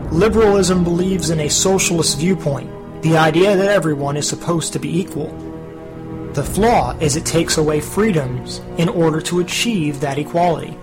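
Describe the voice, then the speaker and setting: A man's voice: fairly high pitch, close to an everyday voice. A man voicing a stern male spirit who lectures sarcastically, in a comedic parody radio play. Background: music.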